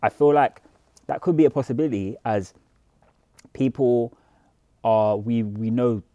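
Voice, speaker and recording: A man's voice: mid-range voice, measured pace, warm tone, no echo, muffled recording. A man, co-hosting a podcast in casual chat, talking things through at length. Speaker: podcast co-host.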